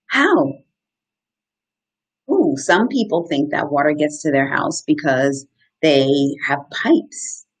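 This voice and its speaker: During a children's story time broadcast live from a small indoor room, a thirtysomething outdoor educator reads aloud, breaking off to pose questions and give simple, encouraging explanations. Her fairly low voice has a breathy edge. She is picked up by a webcam at desk distance.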